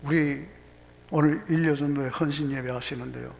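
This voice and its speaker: A man with a Gyeongsang accent preaching in a church, his somewhat high voice trailing into a long hall reverb. He tells folksy stories, dropping into dialect and acting out quoted voices, over a faint background hum. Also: steady tone, moderate pace, vocal fry, a little mellow. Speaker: pastor. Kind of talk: sermon. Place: church sanctuary.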